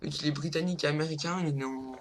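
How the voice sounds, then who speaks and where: Talking very fast in a slightly high, steady voice, a young man hosts a laid-back countdown vlog full of fillers, hesitation and tangents. It's captured on a low-quality home mic.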